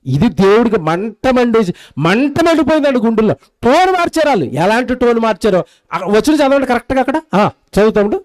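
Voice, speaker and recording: A man preaching a sermon in a lively storytelling way, acting out the voices of the people in his story. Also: extremely high pitch, brisk, low-quality recording. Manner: animated storytelling, acts out quoted voices.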